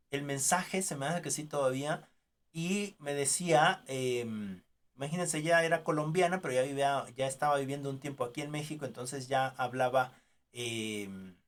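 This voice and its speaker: Man, Mexican Spanish accent, graduate research teacher, online class, conversational, many tag questions and fillers, computer mic. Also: mid-range voice. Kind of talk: online class, telling a personal anecdote. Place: home, remote online class. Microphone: computer mic on a video call.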